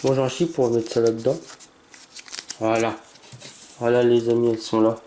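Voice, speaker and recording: A man's mellow, soft-edged voice runs through a casual card-opening commentary, naming each card in a low mutter. He stammers now and then and bursts into sharp exclamations, yet holds himself back from shouting. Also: normal speed, slight background noise. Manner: reads card names aloud, stammers, bursts into excited exclamations. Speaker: YouTuber opening trading cards.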